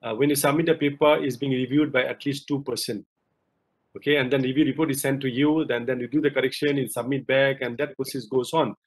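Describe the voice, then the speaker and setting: A man's voice: mid-range voice, fairly even intonation, quick pace, rough recording. A middle-aged man from Malaysia, a professor answering students' questions in an online lecture, explaining at length with many fillers. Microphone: video call.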